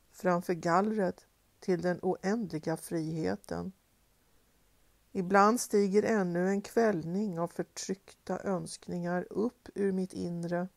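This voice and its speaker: A woman reads poetry aloud in a low voice with a gravelly, creaky edge. Her tone is dark and mellow, and the close, dry recording has no room sound. She recites in a measured, rhythmic way and leans into the repeated refrains. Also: no room sound. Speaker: poetry reader. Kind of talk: poetry reading.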